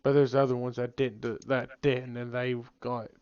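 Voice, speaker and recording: A man's voice: mid-range voice, level tone, normal speed, slight background noise. Young man chatting with a drawl. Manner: rambling, restarts sentences, shouts when quoting people. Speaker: podcast co-host. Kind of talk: casual chat. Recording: muffled lo-fi podcast audio.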